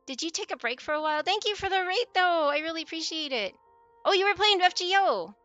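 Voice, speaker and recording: A woman live streamer chatting casually in a cute, bubbly anime-streamer manner with excited swoops, greeting people online. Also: very high voice, fast talker, highs cut off. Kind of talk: casual livestream chat. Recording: music playing behind the voice. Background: background music.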